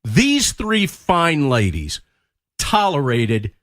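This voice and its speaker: A man's voice: on the high side, huge pitch swings, very slow, a bit bright. A man co-hosting a radio show, complaining bluntly. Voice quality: blunt, ranting, politically incorrect cowboy. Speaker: radio co-host. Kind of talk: casual radio chat. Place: radio studio.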